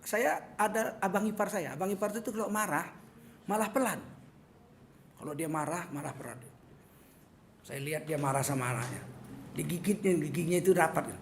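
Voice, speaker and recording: With a high-pitched, moderately paced voice marked by vocal fry and long pauses, a middle-aged Medan preacher delivers a joking sermon in his Medan Indonesian accent. He animatedly acts out small scenes in asides, and the audio carries a slight hiss or hum.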